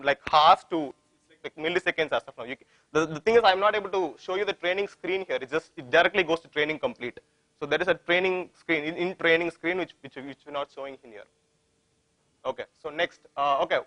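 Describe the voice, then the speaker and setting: A man's voice: fairly high pitch, fairly bright tone, no room sound, low-quality recording. A man with an Indian accent giving an informal technical presentation, often repeating phrases and posing questions that he answers himself. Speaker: tech conference presenter.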